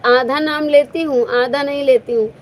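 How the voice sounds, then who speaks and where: A woman's voice: sits high, steady tone, normal speed, a little hiss or hum, low-quality recording. A woman hosting a casual live stream, chatting playfully with viewers and teasing them with laughter.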